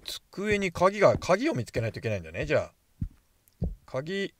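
A man's voice: fairly high pitch, big pitch swings, normal speed, a little hiss or hum. A man giving casual, jokey commentary while playing a horror game, chatting to himself as he goes. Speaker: game streamer.

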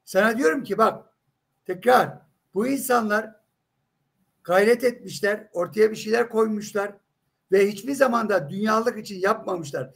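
A man's voice: sits high, normal speed, gravelly. A man in a heated live religious debate, insistent and emphatic, pressing with rhetorical questions.

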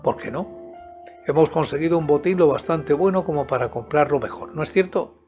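A man's voice: on the high side, a little fast, darkish tone, faint music behind, natural voice. A man in his sixties voicing a placid, mildly grumbling criminal in his thirties in an audiobook. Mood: complaining. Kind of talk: audiobook character dialogue.

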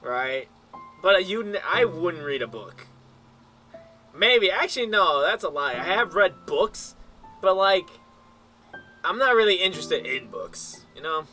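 Bright-voiced rambling young man. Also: sits high, sing-song, a little slow, pauses often. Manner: rambling, self-correcting, says "you know" a lot. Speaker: co-host gamer. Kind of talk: casual gaming chat. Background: game music.

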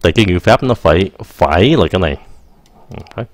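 A man's voice: sits low, animated, no room sound. Man, patient English teacher, dry close sound. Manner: patient, repeats English example phrases slowly. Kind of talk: casual explanatory lesson.

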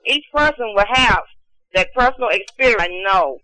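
A man's voice: high voice, lively intonation, normal speed, bright, forceful tone, low-quality recording. A man calling in to a show as a caller, speaking in an insistent, earnest, preaching way. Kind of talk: call-in debate, preaching.

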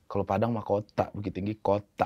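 A man's voice: lowish voice, flat delivery, brisk, warm tone, muffled recording, a little hiss or hum. A man, hosting a podcast with joking, teasing banter. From Indonesia, Minang. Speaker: podcast host. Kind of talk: casual chat.

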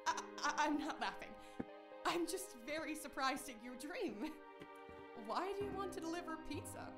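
A high, gentle female voice belongs to a kind young woman in a horror game , voiced by an actress. She coaxes and reassures her friend warmly, with faint music behind her. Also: lively intonation, normal speed. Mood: gentle coaxing.

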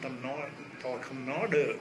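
An American man in his seventies giving short, halting answers in broken, foreign-accented speech, as a native English speaker. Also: mid-range voice, over music. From United States. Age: 70s. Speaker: interviewee, army veteran. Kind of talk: casual interview answers. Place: indoor swimming pool hall. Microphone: phone at arm's length. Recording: noisy echoing indoor pool, phone recording.

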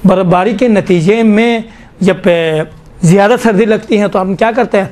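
A man teaching a tajweed lesson to a class, explaining slowly, drawing out sounds and asking his students questions. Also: high voice, a little mellow. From Pakistan. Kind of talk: classroom Quran recitation lesson.

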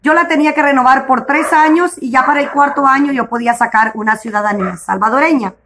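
A woman's voice: high-pitched, quick pace, crowd noise. A young woman with a Honduran accent, chatting outdoors as a vlogger, retelling her day in a casual storytelling way with frequent religious exclamations. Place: outdoors in a breeze.

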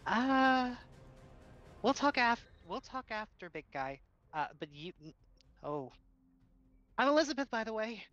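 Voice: mid-range voice, big pitch swings, unhurried, pauses often, fairly bright tone, highs cut off, faint music behind, voice pushed up. A game master voicing a young girl who hesitates and trails off. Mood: offhand. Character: young girl, curious and offhand.

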